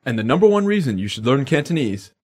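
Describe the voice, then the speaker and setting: A man's voice: medium pitch, very animated, fast talker. A man co-hosting a language lesson podcast in upbeat, jokey scripted banter.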